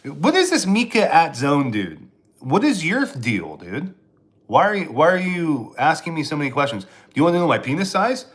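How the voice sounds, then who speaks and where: A man's voice: a little high, very animated, moderate pace. A man from Pennsylvania, a stand-up comedian, rambling sarcastically in a casual live stream while answering chat, with frequent restarts.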